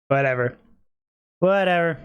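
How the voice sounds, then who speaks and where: With a fairly high-pitched voice at a measured pace, a self-deprecating streamer rambles through slangy, casual game commentary, sounding slightly worn out. The recording is muffled, and background noise is clearly audible.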